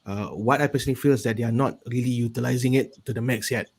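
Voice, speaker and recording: Malaysian guy coaching on business stuff, casual talk, medium pitch, keeps checking you follow. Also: fast talker, vocal fry, husky. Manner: checks in often with "right?" and "you see". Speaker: panel guest, business coach.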